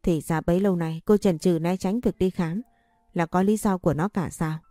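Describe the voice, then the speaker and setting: A woman's voice: fairly low pitch, fairly quick, mellow, dry recording, clean studio sound, faint music behind, close to an everyday voice. A woman voicing a harsh scolding mother-in-law. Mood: angry. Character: stern scornful older mother-in-law.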